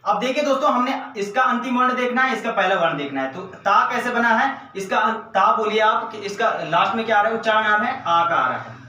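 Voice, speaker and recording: A man's voice: high voice, animated, a little fast, few pauses, pushed and bright. A man teaching a grammar lesson for exam preparation, asking and answering his own questions over and over and calling the viewers his friends. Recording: echoey room, mic at a distance.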